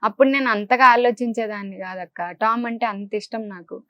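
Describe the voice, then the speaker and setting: A young woman speaking in a candid interview, talking in a subdued, hesitant way with pauses and restarts. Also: on the high side, no room sound, muffled recording. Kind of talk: candid interview recounting a breakup.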